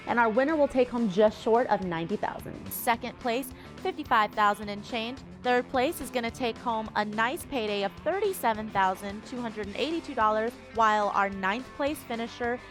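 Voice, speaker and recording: A woman commentating a televised poker final table, giving upbeat, clear play-by-play. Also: fairly high pitch.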